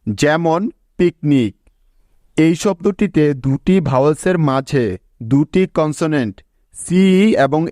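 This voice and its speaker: Male lesson narrator, slightly high voice, very slow deliberate delivery, dry close recording. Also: darkish tone, dry recording. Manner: slow, measured, explaining step by step. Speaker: English pronunciation teacher. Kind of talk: scripted tutorial narration.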